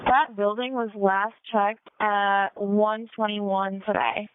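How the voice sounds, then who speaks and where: A woman's voice: medium pitch, level tone, slow, clear, resonant tone, dry recording. A woman dispatcher speaking in police radio style over a narrowband two-way radio. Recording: narrowband scanner radio feed.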